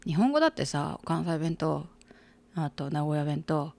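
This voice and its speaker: A woman's voice: low-pitched, lively intonation, measured pace, gravelly, a little mellow. A woman co-hosting a casual chat, teasing and questioning with frequent nods. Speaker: podcast co-host.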